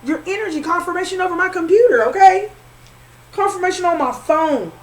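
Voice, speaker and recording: A spiritual reader with a Southern accent gives an informal tarot reading, repeating herself and calling the listener honey. Her voice is very high-pitched and brisk, with faint music in the background.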